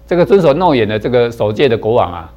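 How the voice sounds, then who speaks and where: A man giving a Buddhist dharma lecture, soft-spoken and dotted with drawn-out filler particles as he tells a parable. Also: medium pitch, big pitch swings, lo-fi sound. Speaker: Buddhist teacher.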